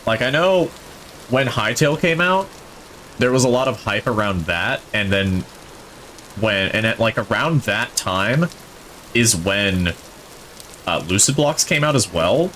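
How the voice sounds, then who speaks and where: A man's voice: on the low side, animated, a little slow, long pauses, fairly bright tone, a little hiss or hum. A male streamer giving casual, chatty gameplay commentary, rambling and thinking aloud, enthusiastic about what he plays.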